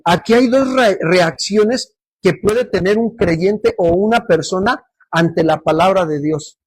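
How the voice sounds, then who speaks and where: Pastor guy preaching, high husky voice, keeps quizzing the church, dry sound. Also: no echo. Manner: asks the congregation questions and waits for answers. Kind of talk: sermon. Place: church service.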